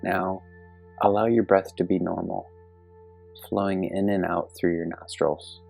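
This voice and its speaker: Guiding listeners through meditation, a man speaks in a calm, gentle way with a very deep, slightly creaky voice. He leaves long pauses between his measured phrases while gentle background music with singing bowls plays.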